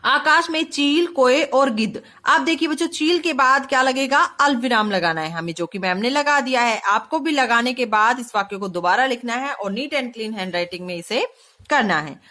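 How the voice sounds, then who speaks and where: A young woman teacher giving a recorded video lesson for children. She reads example sentences slowly and clearly and puts questions to the class. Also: on the high side, lively intonation, pushed and bright. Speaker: school teacher.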